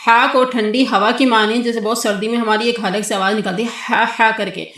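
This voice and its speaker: A woman's voice: a little high, steady tone, a bit bright, reverberant. Patient woman teaching Quran letters. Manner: patient, drawn-out sung syllables for the child to repeat. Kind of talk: tajweed lesson with a child.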